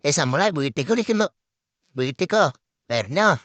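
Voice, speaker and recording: A man giving live gameplay commentary as a gaming host, excitable and repeating words in quick bursts. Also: fairly high pitch, no echo.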